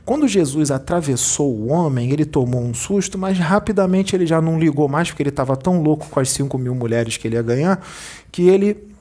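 A spiritual medium, a man, recounting a vision to his audience in an animated, repetitive storytelling manner. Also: a little high, brisk. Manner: animated storyteller, repeats himself.

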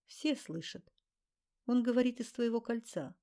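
A woman voicing a calm, firm village woman who speaks softly and gives short orders. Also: on the high side, measured pace, voice pushed up, lightly acted. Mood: steady. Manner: calm, then curt orders.

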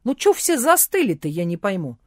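A brash, jovial boss man booms out his greetings and jokes, as a woman narrator puts him on. His voice is raised and lively, folksy and teasing. The audiobook sound is dry and close. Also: fairly quick, no room sound. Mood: jovial, loud.

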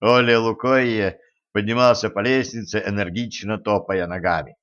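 Give me a man reading an adventure novel aloud with lively storytelling, in a muffled, lo-fi audiobook recording. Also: on the low side, moderate pace. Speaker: audiobook narrator. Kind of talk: scripted narration.

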